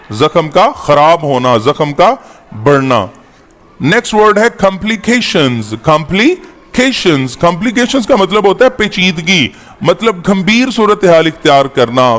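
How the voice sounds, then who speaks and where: A man teaching an English-to-Urdu lesson, slowly repeating each word and its meaning. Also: a little high, a bit bright, long reverb tail. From Pakistan. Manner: spells out words slowly, repeating each one.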